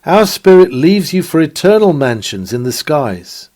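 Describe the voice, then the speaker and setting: A preacher reads a 19th-century sermon aloud with earnest, oratorical delivery and formal, dramatic phrasing. His voice is a little high and a little mellow, very animated yet unhurried.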